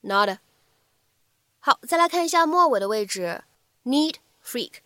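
Woman teacher, fairly high voice, dry close sound, lively and patient, repeats phrases slowly. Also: no echo. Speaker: English teacher. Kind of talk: spoken English lesson.

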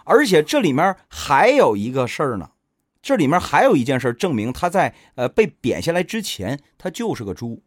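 A man hosting a casual chat, animated and joking, acting out quoted lines. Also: a little high, fairly quick, no echo, studio quality. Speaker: host.

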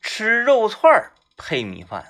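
A man reminisces in a casual chat. His voice is high and bright, and his pitch is lively. He speaks with emphasis. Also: measured pace. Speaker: podcast co-host.

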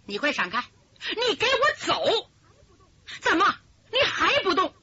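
A woman's voice: a little high, huge pitch swings, normal speed, sharp tone, husky, exaggerated voice. A woman storyteller voicing a petulant, spoiled young male swordsman in a dull lo-fi recording. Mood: furious. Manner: petulant, swings from bluster to whining sobs. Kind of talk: traditional storytelling.

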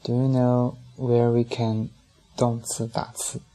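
A man puts on an overexcited young guy with broken English who blurts things out eagerly. He sounds a little higher and more animated than a plain storyteller. The voice is mellow underneath. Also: slow, natural voice, rough recording.

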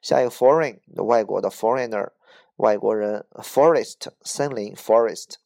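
Low, gravelly man teaching vocabulary. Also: measured pace, a little mellow. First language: Chinese. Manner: patient, explains each word in Chinese with examples. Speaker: English teacher. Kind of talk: vocabulary lesson.

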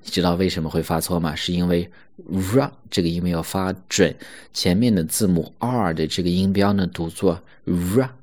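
Low-voiced male English pronunciation teacher. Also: fairly even intonation, darkish tone. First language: Mandarin Chinese. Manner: slow, exaggerated demonstration of English words. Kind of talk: online English lesson.

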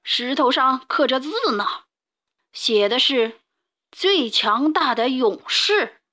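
Woman doing a sly smug lion from a kids story, slow and sure of himself. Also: high voice, animated, sharp tone, exaggerated voice. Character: cunning male lion, self-assured leader.

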